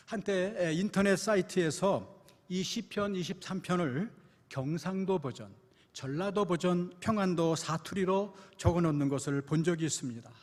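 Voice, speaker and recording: A man's voice: high voice, normal speed, darkish tone. A male pastor preaching a sermon in a church, often putting rhetorical questions to the congregation. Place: church sanctuary. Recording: long church hall reverb.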